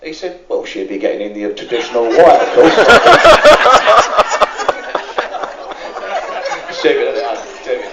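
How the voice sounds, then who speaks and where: A man's voice: medium pitch, huge pitch swings, slow pace, pauses often, very noisy. A man telling stand-up jokes in a chatty way, full of "and, um" fillers and asides to the crowd, in a cruise ship lounge. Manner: chatty, many "and, um" fillers, asks the crowd "isn't it". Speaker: stand-up comedian. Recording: roomy, muffled lounge recording from far off.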